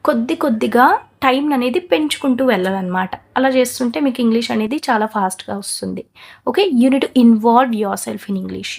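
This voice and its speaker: A woman's voice: fairly high pitch, vocal fry. Telugu-accented woman teaching English. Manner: quick chatty explanations mixing in English words; slow, carefully stressed model sentences for repeating. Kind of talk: language lesson, shadowing drill.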